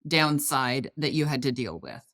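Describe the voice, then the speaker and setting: A woman's voice: very deep voice, very animated, moderate pace, a bit bright, no room sound, clean studio sound. A woman hosting a business podcast, explaining ideas in a coaching tone, asking rhetorical questions and interviewing guests. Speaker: podcast host.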